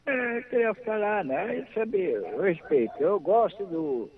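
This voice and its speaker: A man in his 60s calls in to a radio show for a casual chat, repeating himself and laughing easily. His high voice is slow with lively intonation, heard over a tinny phone line.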